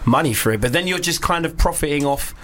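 A man's voice: fairly high pitch, expressive, fast, fairly bright tone, a little hiss or hum. A man hosting a radio show in a casual, joking style. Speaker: radio host.

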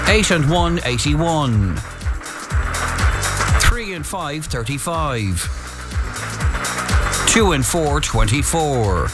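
An Irish man working as a radio bingo caller, reading out numbers in rhythmic, formulaic calls. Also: a little high. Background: music.

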